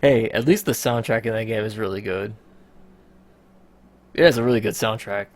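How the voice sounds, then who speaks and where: A man's voice: on the low side, moderate pace, a little mellow. A man hosting a casual podcast, rambling through a story with a lot of swearing and frequent laughter. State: out of breath. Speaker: podcast host.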